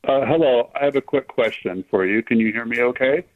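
A man's voice: medium pitch, a little fast. A man calling in to a radio show over the phone, reading his question with some hesitation. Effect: phone line. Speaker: caller. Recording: tinny phone line.

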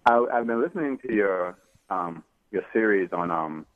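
A man's voice: fairly low pitch, animated, moderate pace, dry recording. A man from Florida calling in to a radio show over a phone line, hesitant with many ums and restarts. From Florida, USA. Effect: radio show caller over a phone line. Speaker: caller to a radio call-in show. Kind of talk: call-in question to a Bible teacher. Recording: tinny phone line, dry.

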